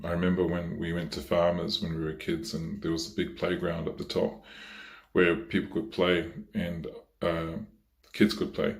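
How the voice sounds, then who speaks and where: A man giving a eulogy for his mother at a memorial service, talking slowly and haltingly with many pauses and fillers. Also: low voice, echoey room.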